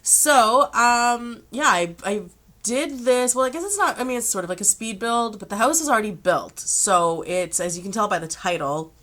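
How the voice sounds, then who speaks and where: Bright-voiced young woman, sick and chatty. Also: on the high side, expressive, normal speed. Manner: chatty, rambling, self-amused. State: sick, throat-clearing. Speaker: vlogger. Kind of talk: casual chat.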